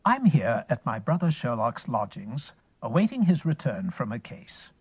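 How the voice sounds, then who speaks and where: An actor playing Mycroft Holmes as an idle, teasing elder brother who introduces the story in an amused, leisurely way. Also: male voice, mid-range voice, very animated, moderate pace, slightly rough, no echo, muffled recording, soft background music. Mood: wry. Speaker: series host in character. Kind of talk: scripted radio-style drama monologue.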